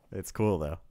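Here a man with a warm voice streams himself on a language app while learning Spanish, chatting casually. He says each sentence out loud and fixes his mistakes with small laughs, and there's no room sound.

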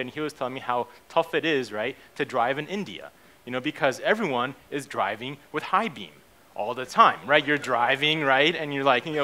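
Bright and forceful, this man's voice sits at medium pitch. On a conference stage in a hotel hall, the CEO, born in Japan and brought up in the United States, gives an informal keynote laced with fillers and frequent "okay?"/"right?" check-ins.

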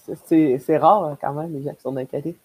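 Speaking through a headset or earbuds on a video call, a young Québécois-accented man chats casually as part of a podcast panel. He talks fast in a voice on the high side, with fairly even intonation and a darkish, slightly rough tone, and the audio quality is poor.

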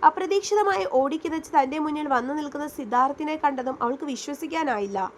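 High-voiced woman narrating a story. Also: brisk, a little hiss or hum.

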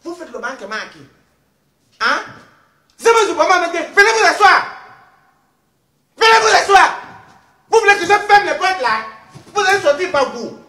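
A woman's voice: on the high side, expressive, moderate pace. A woman playing a brash mock news anchor. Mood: bossy. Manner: loud, teasing, swings up into exclaiming. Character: brash female TV news anchor, customs officer. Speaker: comic news host. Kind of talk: comedic sketch, mock news show. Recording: echoey room.

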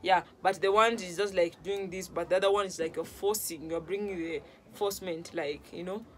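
A young Kenyan woman whose native language is Luo hosts a vlog, casually explaining phrases to the camera from a couch in a small room at home. Her voice is lowish and steady at a moderate pace, and she talks conversationally, repeats herself and often checks she's understood. There's slight background noise.

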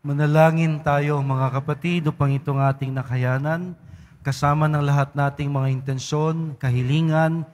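A man serving as a priest, leading mass prayers in a solemn, measured recitation. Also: fairly high pitch, steady tone, a little mellow. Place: large church. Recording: long church reverb.

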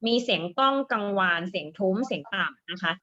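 A woman music teacher giving a patient online lesson to young pupils, softening each phrase with polite particles. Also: medium pitch, lively intonation, fairly quick, dull audio. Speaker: primary school music teacher. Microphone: computer mic on a video call.

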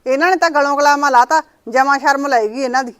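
An actress playing a sharp-tongued mother-in-law who nags and scolds her daughter-in-law, in a village short-film drama. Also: high voice, fairly even intonation, fast talker. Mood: scolding. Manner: scolding, nagging.

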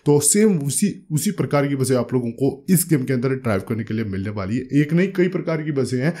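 A man with a medium-pitched, expressive, dark-toned voice talks fairly quickly as a gaming video host. He gives casual, chatty gameplay commentary, joking around and calling viewers "bro." He's close on a desk microphone, with a headset, in a small indoor studio setup.

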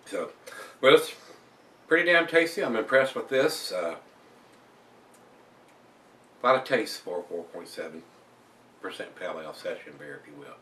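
An older man talks casually on camera as a beer reviewer, chatty and relaxed, with lots of fillers, filmed at home in a small room. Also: sits low, moderate pace, pauses often. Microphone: camera across the room. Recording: roomy and distant from the mic.

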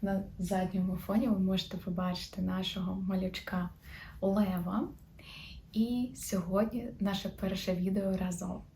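A woman's voice: medium pitch, little pitch movement, slight background noise. A young woman from Ukraine, a new mother, talking openly in a casual personal vlog. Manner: chatty and open, quick soft laughs.

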